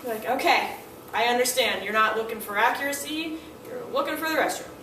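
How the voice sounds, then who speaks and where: Animated woman teaching from across a classroom. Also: on the high side, fairly quick, a little hiss or hum. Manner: animated, acts out student and teacher lines in quotes. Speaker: language teacher. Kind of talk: classroom instruction. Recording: echoey room, mic at a distance.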